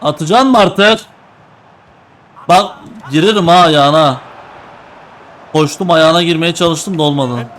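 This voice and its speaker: A young man commentating his own online football match with teammates, excitable and joking, trash-talking and repeating his calls. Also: fairly high pitch, unhurried, long pauses. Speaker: gaming YouTuber. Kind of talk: live gameplay commentary with teammates.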